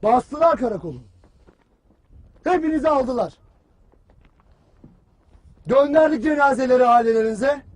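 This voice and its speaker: A barking stern army commander. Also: male voice, very high-pitched, animated, moderate pace, long pauses. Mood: grim lecture. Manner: barking, harsh, taunting. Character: stern hard-bitten army commander drilling his soldiers. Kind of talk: film trailer drama.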